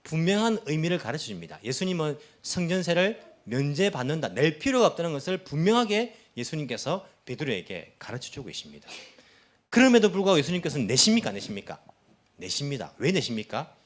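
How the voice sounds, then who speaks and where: A man's voice: on the high side, brisk. A male pastor preaching a sermon, asking the congregation questions and acting out quoted speech. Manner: animated, acts out quoted speech.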